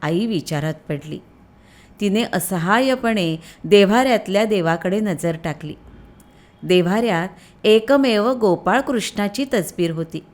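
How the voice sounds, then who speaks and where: A woman narrating a storybook tale for children in a slow, expressive storytelling manner. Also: medium pitch.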